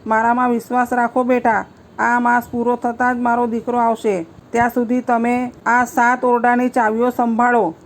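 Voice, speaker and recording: A woman's voice: fairly high pitch, level tone, normal speed, a little hiss or hum, close to an everyday voice. A woman voicing a stubborn elderly Brahmin wife who insists and scolds, in a devotional folk story. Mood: scolding.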